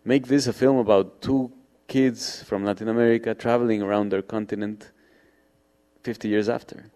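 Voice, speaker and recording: A man's voice: fairly low pitch, a little slow, dark tone. A man quoting an older drunk friend who urges him on in a fatherly way, his voice raised a little. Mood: urging. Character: older drunk male friend, warmly encouraging.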